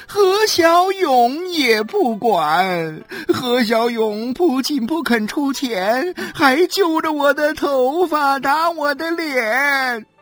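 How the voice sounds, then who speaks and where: A shrill wailing mother. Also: fairly bright tone, no echo, full character voice. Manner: sobbing, drawn-out lament. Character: wailing wronged mother, shrill and self-pitying. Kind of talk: audiobook character voice.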